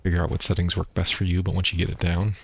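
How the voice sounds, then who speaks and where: A man streaming a video game, talking in a rambling, casual way with a deep voice and explaining things between plays. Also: monotone, very fast, vocal fry, slight background noise. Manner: rambling, explains while playing, many fillers. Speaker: gaming streamer. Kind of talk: casual gameplay chat. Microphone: streaming microphone.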